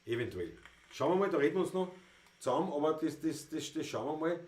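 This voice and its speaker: A man with a Viennese accent hosting a livestream, chatting in dialect in an unhurried, mumbled way. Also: fairly high pitch, expressive. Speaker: livestream host and Viennese folk musician. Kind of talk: casual chat and singing Viennese songs. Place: room at a livestream stage. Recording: roomy echo with loud guitar music.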